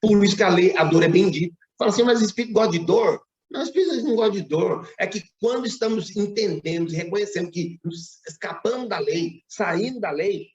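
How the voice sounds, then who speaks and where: A man's voice: high voice, brisk, few pauses, a little mellow, roomy sound, lo-fi sound. A Brazilian man giving a spiritist public lecture, telling a story with frequent asides and tag questions. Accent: Brazilian Portuguese. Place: lecture hall.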